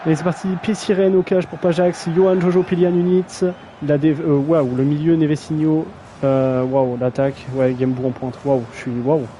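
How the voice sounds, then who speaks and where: A man's voice: on the high side, level tone, moderate pace, mellow, slight background noise, poor audio. A young man casually commentating a video game match on a live stream, slangy and self-mocking, often stumbling over player names.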